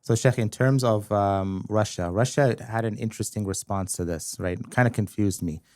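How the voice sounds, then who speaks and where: A man's voice: on the low side, moderate pace, darkish tone, no room sound, clean studio sound. A man hosting a casual political discussion, asking curious, probing questions. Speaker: host.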